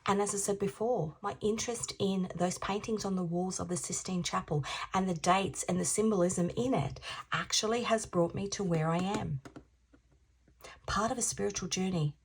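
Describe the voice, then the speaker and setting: A woman in her fifties giving an intuitive tarot reading, musing aloud, repeating phrases and sometimes dropping into soft half-whispers. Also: mid-range voice, moderate pace, breathy edge. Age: 50s. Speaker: tarot reader.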